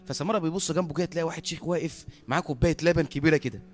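An Egyptian man preaching a sermon as a lively storyteller who often laughs at his own tale. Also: fairly high pitch, very fast.

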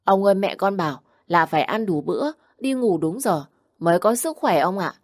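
Woman doing a sweet little boy, high and chirpy. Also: lively intonation, moderate pace, no echo, clean studio sound, natural voice. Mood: sweet, curious. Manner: chirpy and polite, tearful when upset.

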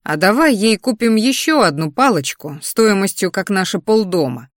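A woman's voice: mid-range voice, animated, normal speed, dry recording, studio quality, natural voice. A woman voicing a stern young male mage who talks to his family in a growling, sarcastic way.

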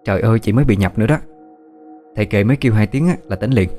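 A man voicing a chatty, eager middle-aged woman who talks quickly. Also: lowish voice, dark tone, soft background music, lightly acted.

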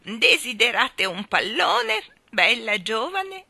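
A woman's voice: a little high, sing-song, creaky, no room sound, pitched above the performer's own voice, heavily acted. A woman doing a quavering, doting old balloon seller. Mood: doting, wistful. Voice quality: quavering, tremulous voice. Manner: drawn-out, sing-song, loud endearments.

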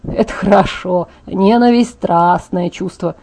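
A cocky teenage boy in a storybook reading, calm and smug, teasing without a care, as a woman narrator reads him. The voice stays mellow and darkish, close to the reader's own. It is an everyday read rather than a full character voice. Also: mid-range voice, measured pace.

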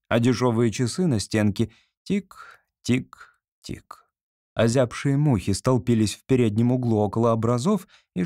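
A man narrating a classic novella as an audiobook reader, in a measured, expressive storytelling voice. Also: medium pitch, no echo, studio quality. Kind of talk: scripted literary narration.

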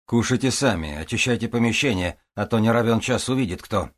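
A man's voice: lowish voice, animated, fairly quick, pitched above the performer's own voice. A man voicing a sarcastic, touchy young man in a hospital, grumbling and biting.

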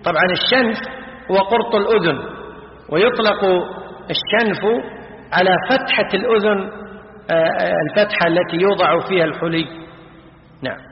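High-voiced man teaching in an echoey hall. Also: brisk, long pauses, lo-fi sound. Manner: explains in short phrases, corrects pronunciation, repeats words. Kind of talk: classical Arabic grammar lesson.

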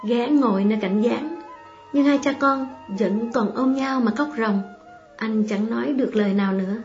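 Lady reading a story aloud, kinda high voice, muffled sound, soft music behind. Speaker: audiobook reader. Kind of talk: storybook narration.

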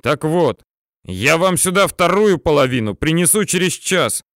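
A man doing a desperate shouting soldier. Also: fairly high pitch, expressive, a little slow, no echo, studio quality, pitched above the performer's own voice. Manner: shouting, pleading and threatening. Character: desperate young male soldier yelling into a tank.

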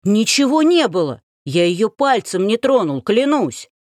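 A woman's voice: mid-range voice, very animated, unhurried, darkish tone, dry recording, clean studio sound, voice pushed up. A woman reading an audiobook, voicing a frightened young nobleman who pleads in panic with a cracking voice. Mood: panicked. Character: frightened young male dandy begging forgiveness.

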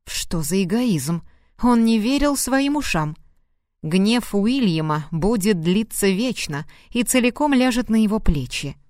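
A woman narrating a novel in a measured storytelling manner. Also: medium pitch, lively intonation, darkish tone, no echo, studio quality. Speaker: audiobook narrator. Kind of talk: scripted narration.

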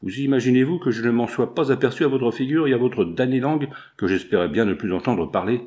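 A man's voice: medium pitch, fast talker, a little mellow, lightly acted. A man voicing a sneering brutal bandit. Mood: gruff. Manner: gruff, mocking, gloating. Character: brutal English renegade bandit, male, sneering. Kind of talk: audiobook character voice.

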